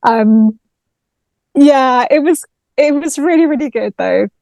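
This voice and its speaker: A chatty, articulate woman from London, raised bilingual in Greek, discusses her career as a singer-songwriter in a casual video-call interview. Her high voice is animated yet slow, creaky and mellow, with no echo.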